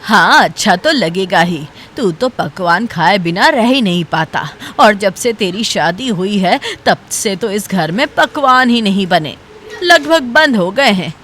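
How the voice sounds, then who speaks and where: A woman's voice: medium pitch, animated, a little slow, a bit bright, slight background noise. A woman voicing a harsh, scornful older mother-in-law in a cartoon story. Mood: boastful. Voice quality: cutting, contemptuous. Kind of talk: cartoon voice acting.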